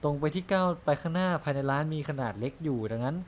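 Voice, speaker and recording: A man voicing a calm, polite invisible woman who works as a bar clerk in a game, speaking softly and courteously. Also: on the high side, fast, slight background noise, lightly acted.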